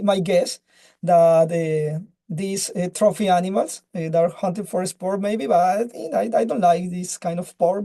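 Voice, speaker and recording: Casting note: a man with a mellow voice, halting and restarting on a video call. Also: high voice. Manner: halting, searches for words, many restarts. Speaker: webinar speaker. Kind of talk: casual presentation and chat.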